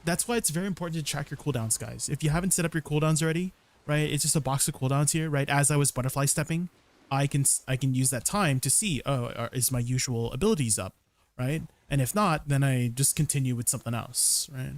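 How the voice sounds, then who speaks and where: A fast-talking young man with a medium-pitched voice livestreams his gameplay, casually explaining combos and fielding viewers' questions in a chatty way. Many of his sentences end in "right?".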